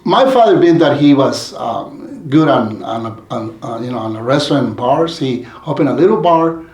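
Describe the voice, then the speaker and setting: A man's voice: mid-range voice, animated, moderate pace, darkish tone, dull audio. A man from Mexico telling his life story in an interview, rambling with many restarts and fillers. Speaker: community leader guest. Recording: roomy echoey sound.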